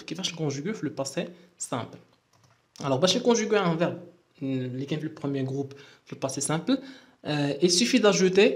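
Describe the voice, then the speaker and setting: A man with a Moroccan accent explaining French verb endings in a lesson and spelling out endings letter by letter. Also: on the high side. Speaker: French teacher.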